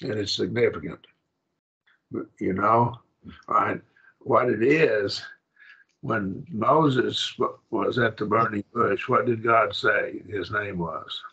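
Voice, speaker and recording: A man teaching a Bible Greek class, halting and repeating himself, often checking that the class follows. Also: lowish voice, gravelly, pushed and bright, slightly rough, highs cut off. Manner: halting, repeats words, asks the class if it makes sense.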